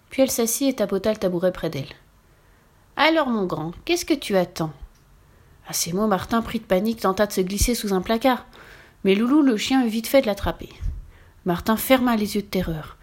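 Woman reading a storybook. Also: mid-range voice. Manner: gentle, expressive read-aloud. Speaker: narrator. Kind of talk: storybook narration.

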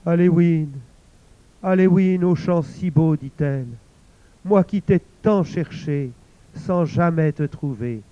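A man's voice: fairly high pitch, normal speed, mellow, no room sound, muffled recording, natural voice. A man voicing a weeping, hunched old woman in a fairy tale, tearful and lamenting.

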